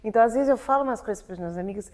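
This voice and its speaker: Emphatic Brazilian woman, slightly high voice. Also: racing, a little mellow. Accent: Brazilian Portuguese. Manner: frank, emphatic, talks in long stretches. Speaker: podcast co-host. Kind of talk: casual chat.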